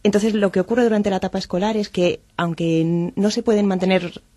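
A woman guest expert on a talk program, explaining memory development in a measured, academic way with frequent restarts. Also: mid-range voice, steady tone, dark tone, no room sound.

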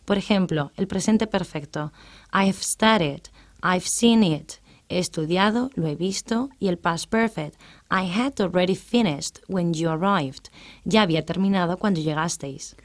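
Patient woman teaching on radio. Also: on the low side. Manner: patient, methodical, reads out English examples slowly. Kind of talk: explanatory radio lesson.

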